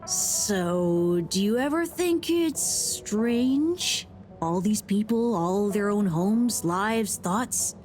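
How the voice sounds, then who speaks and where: A curious, mischievous schoolboy explorer in a video game. The kid is casual and cheeky, a little world-weary and conspiratorial. Music plays clearly behind the voice. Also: female voice, mid-range voice, lively intonation, drawn-out words, a little mellow. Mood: pensive. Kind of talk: video game character dialogue.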